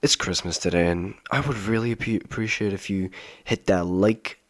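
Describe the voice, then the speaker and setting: Young man, sick, low voice, monotone, dry close recording. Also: normal speed, no echo. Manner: monotone, with fillers and restarts. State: sick, coughing. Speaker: vlogger. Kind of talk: casual storytime monologue.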